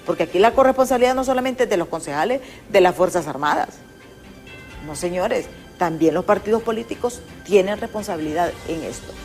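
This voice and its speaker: A woman's voice: mid-range voice, lively intonation, fairly quick, darkish tone. An older woman with a Honduran Spanish accent hosts a political interview program. She talks in an emphatic, opinionated way and turns to address the viewers directly, and faint music plays under her voice. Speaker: host. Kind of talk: political talk show interview.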